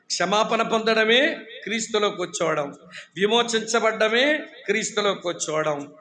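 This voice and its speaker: A man with a high voice preaches a sermon in a church hall with ceiling fans. He keeps firing questions at the congregation and waits for their answers, and he teases the people who nod off. The sound rings with a roomy echo. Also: slight background noise. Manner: teasing, humorous about dozing listeners; says he shouts loudly when preaching. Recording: echoey hall.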